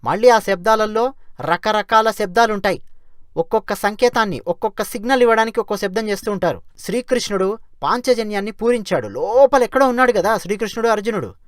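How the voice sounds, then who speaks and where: A regular storyteller retelling an ancient epic in a casual, spirited way, posing rhetorical questions to the audience as the story moves along. The voice sits at a middle pitch, recorded dry and close with no room sound. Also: brisk, no room sound. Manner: lively, asks rhetorical questions.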